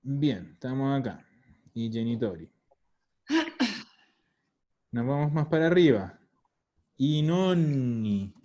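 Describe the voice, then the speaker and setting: Slow, mellow-voiced male language teacher. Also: mid-range voice, expressive, lo-fi sound. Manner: patient, explains slowly and repeats words. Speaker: Italian teacher. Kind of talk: online language lesson.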